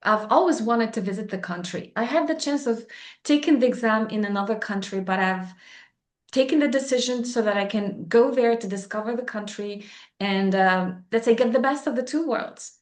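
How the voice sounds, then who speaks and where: A woman with a North African, Tunisian accent and native Arabic tells a personal story in conversation. Her voice sits fairly high, and the recording has a clearly echoey, roomy sound. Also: moderate pace.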